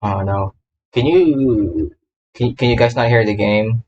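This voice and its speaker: The speaker is a male livestreamer and gamer VTuber chatting casually while getting a game set up. He rambles, interrupts himself and repeats phrases. His voice is medium in pitch, unhurried and darkish, captured in lo-fi sound with a bit of hiss or hum.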